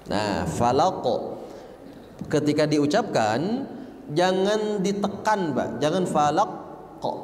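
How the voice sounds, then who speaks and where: A man leads a Quran recitation class, speaking slowly and patiently, and breaks into chanted verses to show each sound. His fairly high voice rings through a mosque hall with a long, roomy echo and a faint hiss of noise. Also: sing-song, darkish tone. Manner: slow, patient drilling with chanted recitation examples. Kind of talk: Quran memorization lesson.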